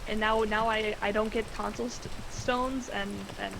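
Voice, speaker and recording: Creaky, boyish-sounding woman chatting over gameplay. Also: mid-range voice, flat delivery, a little slow, heavy background noise. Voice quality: boyish, roughened voice. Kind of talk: casual group chat while gaming.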